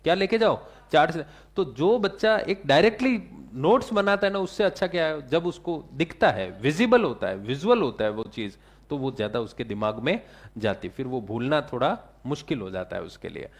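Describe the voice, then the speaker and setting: A man's voice: fairly high pitch, sing-song, moderate pace. A male teacher giving a classroom lecture, asking the class questions and answering them himself, with English terms mixed into his talk.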